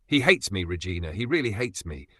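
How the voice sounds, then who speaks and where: A man's voice: low-pitched, big pitch swings, brisk, fairly bright tone, slightly rough, dry recording, clean studio sound, full character voice. A man voicing a heartbroken young wife who begs her husband through tears. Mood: pleading. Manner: tearful, begging.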